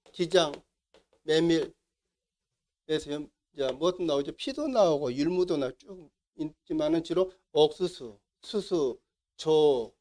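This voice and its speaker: A middle-aged man with a Jeolla Korean accent lectures to a class, his voice sitting a little high for a man. He keeps asking the room questions and then answering them himself, as an instructor walking students through the material. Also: a little mellow.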